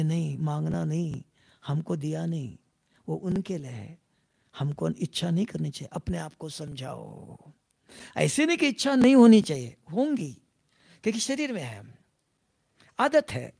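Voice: mid-range voice, gravelly. A spiritual teacher giving a devotional class talk, repeating points and often putting questions to the listeners. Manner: repetitive, keeps asking the listeners questions.

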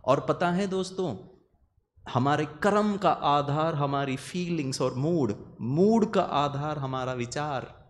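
A man's voice: on the high side, slow pace. Earnest man giving a meditation talk. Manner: earnest, repetitive, mixes English words into his speech. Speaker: meditation speaker. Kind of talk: motivational talk to an audience.

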